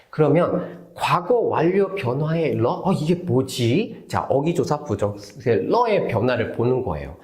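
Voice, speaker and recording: Lively man teaching in an echoey room. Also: medium pitch. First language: Korean. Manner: lively, asks and answers his own questions, acts out example phrases. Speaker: Chinese language teacher. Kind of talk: lecture-style lesson.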